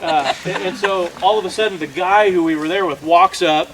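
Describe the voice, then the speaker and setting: Before a live audience, a man tells a comic story, exaggerating and acting out the dialogue as he goes, while a laughing crowd roars loudly behind him. His voice is high-pitched and brisk. The recording is low quality, with a little hiss or hum.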